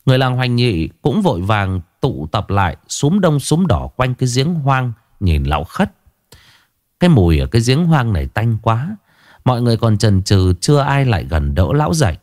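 A male storyteller reading a horror tale in a dramatic, scripted way. His pitch swings in a lively way, and the recording is dry and close. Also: moderate pace, dry recording.

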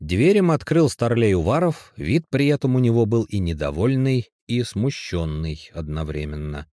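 Low-voiced man narrating an audiobook. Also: sing-song, moderate pace, mellow, dry recording, studio quality.

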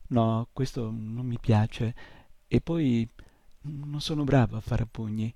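A man reading aloud and voicing a timid, softly spoken young boy in an audiobook. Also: mid-range voice, steady tone, slow pace, creaky, dry recording. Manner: quiet, hesitant.

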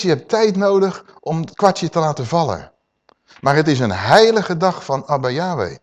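A man preaching a sermon to a congregation, animated and full of rhetorical questions. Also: a little high.

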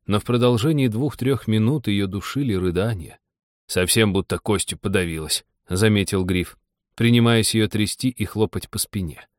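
A man narrating an audiobook in a calm, even reading voice. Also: on the low side, no echo, studio quality.

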